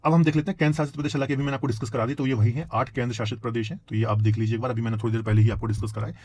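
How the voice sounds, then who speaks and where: A man's voice: mid-range voice, steady tone, racing, darkish tone, slight background noise. A man teaching a geography lesson to students, explaining with questions he answers himself and tagging his lines with "है ना". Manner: explains with questions, frequent tag "है ना". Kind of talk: classroom lecture.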